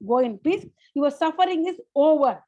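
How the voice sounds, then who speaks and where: A woman voicing a compassionate male teacher who speaks a blessing slowly and tenderly. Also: high-pitched, animated, warm tone. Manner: slow, tender delivery. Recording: slightly muffled video call audio.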